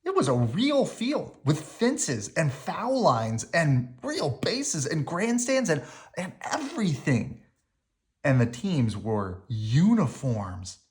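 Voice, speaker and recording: A reader with a mid-range voice narrates a children's picture book aloud, slowly and in an expressive storytelling style.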